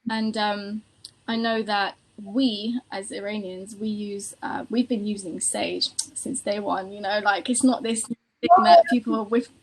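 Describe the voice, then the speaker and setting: A woman's voice: mid-range voice, fairly even intonation, unhurried, darkish tone, rough recording. A woman from Iran telling a personal story in a panel conversation, passionate, with many fillers. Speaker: panel guest.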